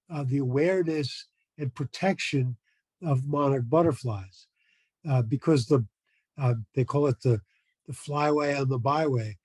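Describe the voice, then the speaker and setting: A man giving an informal educational talk as a museum presenter, explaining things in a halting way. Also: on the high side, a little mellow, breathy edge, no room sound.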